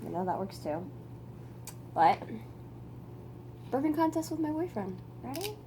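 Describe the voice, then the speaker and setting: A woman's voice: sits high, sing-song, a little slow, mellow. Casting: young female vlogger, playful and teasing, swears freely, casual to-camera chat, slight noise on an amateur home recording.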